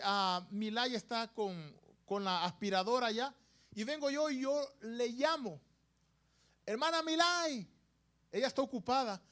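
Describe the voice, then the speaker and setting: Addressing his congregation as "hermanos" in frequent asides, a Latin American Spanish-accented preacher delivers a sermon from the church sanctuary. His very high voice is a bit bright, and his emphasis suddenly rises and falls.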